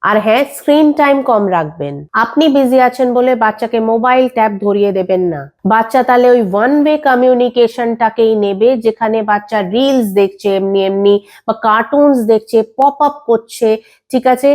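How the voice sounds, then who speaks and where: A woman with a Bengali accent talks parents through common questions about children's speech, steady and instructive, slipping English terms into her talk. Her voice sits high and light throughout. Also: brisk. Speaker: speech language pathologist. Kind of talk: explaining to parents on a video channel.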